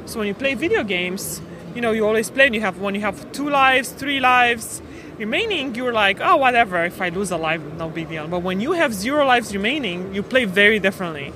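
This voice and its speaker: As a guest on a podcast interview, a startup co-founder from Romania, a woman in her thirties, describes her work in a matter-of-fact way. She speaks briskly and expressively at a medium pitch while street noise fills the background.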